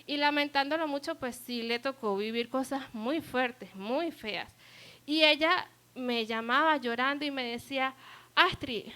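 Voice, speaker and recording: A woman's voice: sits high, measured pace, sharp tone. A woman preaching a sermon at a church service, earnest and asking the congregation rhetorical questions.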